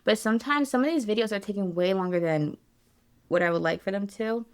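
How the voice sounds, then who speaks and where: A woman in her thirties talking openly to camera in a casual vlog. She is animated and emotional and sometimes drops to a hushed voice to calm herself. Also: medium pitch, fairly quick, clear, resonant tone. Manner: animated and emotional, self-soothing in hushed tones. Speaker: vlogger and business coach.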